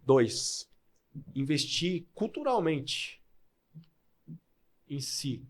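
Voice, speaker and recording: A man's voice: on the high side, big pitch swings, very slow. A man with a São Paulo Brazilian Portuguese accent, a guest in a podcast interview who makes his points emphatically and step by step. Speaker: guest, sales manager.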